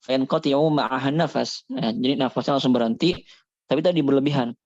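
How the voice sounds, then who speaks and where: A man giving a religious lesson on Quran recitation, calmly explaining and slowly demonstrating Arabic sounds. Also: medium pitch, no echo, lo-fi sound.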